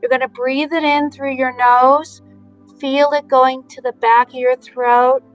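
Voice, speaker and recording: A woman with a fairly high voice leads a mindfulness session at a very unhurried pace. She explains and guides in an informal teaching manner, leaving pauses between phrases. The sound is dry and close, with music playing along. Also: level tone, no echo, poor audio. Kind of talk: guided breathing meditation and informal spiritual talk.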